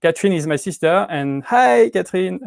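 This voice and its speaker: A man in his thirties with a French accent hosts a casual livestream from home. His voice sits a little high for a man. He talks in halting bursts full of restarts and fillers, and the sound is dry and close. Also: lively intonation, gravelly, no echo. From Switzerland. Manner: hesitant, many restarts and fillers, laughs often. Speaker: YouTube prop-making channel host. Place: indoors at home with cats.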